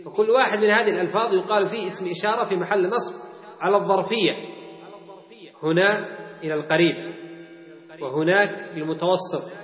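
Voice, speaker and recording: A man's voice: high-pitched, fairly even intonation, brisk, long pauses. A man teaching a classical Arabic grammar lesson, stressing example words and repeating them. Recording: echoey hall, dull lo-fi sound.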